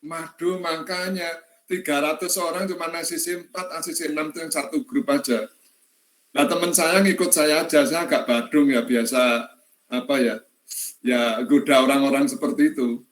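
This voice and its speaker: A man's voice: a little high, normal speed. An older man telling a casual anecdote and acting out the voices of the people in it. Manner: lively, acts out the dialogue of the people in his story. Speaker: storyteller. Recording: echoey room.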